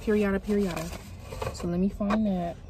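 A young woman hosting a casual food vlog from inside her car, chatting to viewers in a relaxed, slangy way. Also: mid-range voice, normal speed, background noise. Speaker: vlogger.

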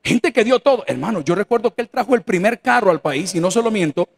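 Expressive, fast and gravelly, a high-pitched male pastor with a Salvadoran accent gives a sermon in a church sanctuary. His delivery is folksy and playful, and he voices the people he quotes.

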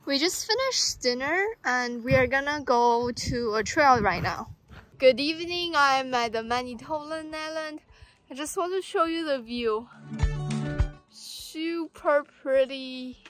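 A woman's voice: high-pitched, lively intonation, a bit bright. A young woman narrating a casual travel vlog into a phone held at arm's length, cheerfully describing the places she visits. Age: young adult. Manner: slow, cheerful commentary to the camera. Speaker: vlogger. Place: in a car and outdoors on a trip. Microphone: phone camera at arm's length. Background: background music.

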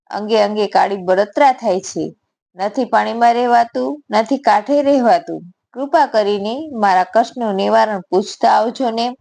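A woman with a Gujarati accent narrating a devotional fasting story in a steady reading voice, voicing the story's animals in short quoted lines. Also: medium pitch, creaky.

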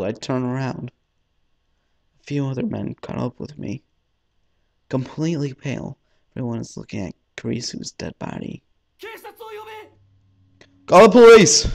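Over faint game music, a man hosting a let's play reads visual novel narration dramatically, tripping over the text now and then. His voice is mid-range with vocal fry.

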